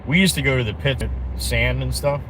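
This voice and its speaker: A middle-aged man talks off the cuff to his live-stream audience while he drives. He is blunt, drifts between thoughts and trips over his own sentences in a voice of ordinary pitch. The road and engine noise of the car hums clearly under everything he says. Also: normal speed. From New Jersey. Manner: rambling, self-interrupting, blunt, answers chat viewers. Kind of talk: casual live-stream chat while driving.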